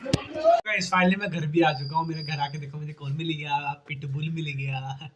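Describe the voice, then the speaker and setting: A young man with a hoarse voice, chatting casually and tiredly to the camera in a daily vlog. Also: on the high side, very animated, normal speed. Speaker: vlogger. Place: outdoors then at home.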